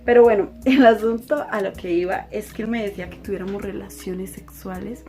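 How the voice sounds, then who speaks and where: A young woman with a Costa Rican accent telling a personal story in a chatty, animated way, laughing often. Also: mid-range voice, a little fast, faint music behind. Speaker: vlogger. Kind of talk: casual storytime.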